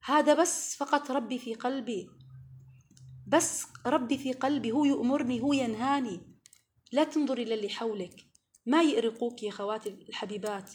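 A woman's voice: a little high, normal speed, a little mellow, slight background noise. A woman giving an earnest religious lesson to women, pleading and coaxing, rising to strong emphasis. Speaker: preacher addressing women.

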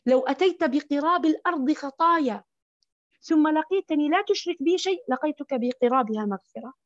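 A woman's voice: sits high, animated, a little fast, no room sound. A woman preaching an impassioned Ramadan sermon to other women, rising to emphatic peaks. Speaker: religious preacher. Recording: dull, dry close recording.

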